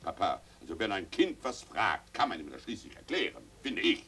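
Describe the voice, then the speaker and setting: A man voicing a gently insistent mother in a comic stage reading. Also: low-pitched, very animated, normal speed, vocal fry, breathy edge, pitched below the performer's own voice, heavily acted. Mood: gentle. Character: mild reasoning mother, middle-aged woman.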